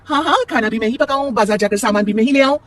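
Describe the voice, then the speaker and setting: A man voicing a sharp-tongued, defiant young married woman in a storybook tale. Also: extremely high pitch, fast talker, loud music behind the voice, pitched above the performer's own voice.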